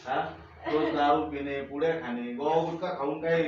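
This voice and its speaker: A man's voice: on the high side, fairly even intonation, moderate pace, a little hiss or hum, natural voice. A man playing a fatherly local boss. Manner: soothing, repeats words, fatherly. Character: kindly male local boss consoling a grieving girl. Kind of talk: amateur short film acting. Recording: very echoey room, far dull mic.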